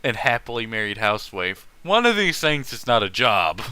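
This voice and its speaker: A man with a mid-range voice reads fan fiction aloud as host, pausing to give his own animated, opinionated, and profane casual commentary.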